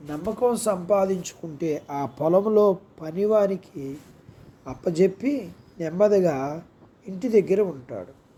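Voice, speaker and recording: A man with a Telugu accent giving a morning devotional sermon and prayer, speaking in measured phrases with pauses. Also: high-pitched, warm tone, slight background noise. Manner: slow, measured preaching with pauses between phrases. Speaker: preacher.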